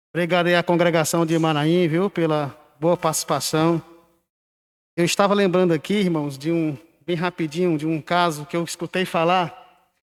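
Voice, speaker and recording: High-voiced pastor in reverberant hall. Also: male voice, clean tone. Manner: prays with constant repeated invocations. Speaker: pastor leading closing prayer. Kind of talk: church anecdote and fervent prayer. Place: church hall. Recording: long church-hall reverb.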